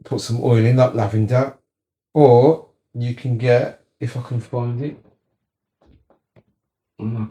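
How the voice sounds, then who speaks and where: A man's voice: medium pitch, dark tone. A man giving casual, chatty advice on relaxing, showing the moves as he talks and repeating words for stress. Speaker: wellness coach.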